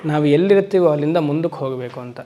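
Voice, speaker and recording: A swami teaching Vedanta to a class. He keeps putting questions to his listeners and slows down for emphatic English phrases. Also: fairly high pitch, mellow. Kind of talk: spiritual lecture to a class. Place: lecture hall.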